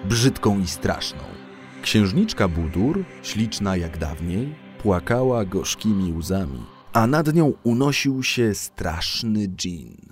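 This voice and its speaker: A man reading a fairy tale aloud as a storyteller, in an expressive storybook manner. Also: lowish voice.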